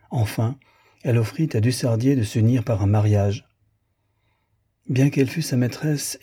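A man narrating a literary audiobook in a measured, even storytelling manner. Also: lowish voice, slightly rough. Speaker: audiobook reader.

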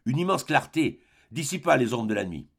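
A man reads a novel aloud as a measured, dramatic narration. His voice has a strong gravelly fry at a mid pitch. The pacing is steady and deliberate. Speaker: audiobook narrator.

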